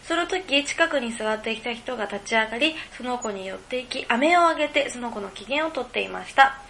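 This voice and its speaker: Bright-voiced giggly woman podcaster. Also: fairly high pitch, expressive, fairly quick, echoey room, slight background noise. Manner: rambling, giggly, thinks aloud. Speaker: podcast co-host. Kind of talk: casual solo podcast chat.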